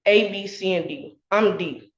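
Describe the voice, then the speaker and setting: A woman's voice: medium pitch, measured pace. A young woman, a college student, defending herself in court, upset and defensive, with many "like" fillers. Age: young adult. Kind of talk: emotional courtroom testimony. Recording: echoey, dull courtroom audio.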